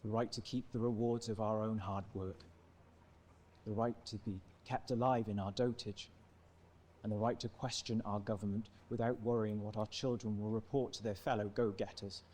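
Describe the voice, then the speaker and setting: An actor playing an earnest resistance activist making a solemn, pleading political appeal in a video game. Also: male voice, lowish voice, fairly even intonation, normal speed, darkish tone, close to an everyday voice. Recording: noisy homemade videotape.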